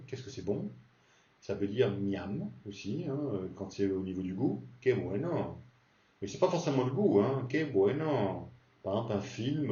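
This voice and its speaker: A man teaching a casual beginner's language lesson, slowly repeating example words and explaining them patiently. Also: on the low side, mellow. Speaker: Spanish teacher. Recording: distant echoey dull recording.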